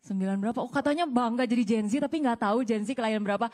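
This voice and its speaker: A young woman with a high, bright-pitched voice hosts a live talk show on a campus stage. She chats with the crowd, teasing them playfully between introductions. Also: rapid-fire. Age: young adult. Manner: chatty, teasing audience banter. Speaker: event host. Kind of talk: lively stage hosting.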